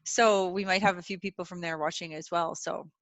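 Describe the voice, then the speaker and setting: A woman's voice: fairly low pitch, fairly even intonation, a little fast, fairly bright tone, no echo. A woman hosting a webinar over a video call, chatting casually and reassuringly, with lots of "like" and "you know". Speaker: webinar host. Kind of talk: casual chat.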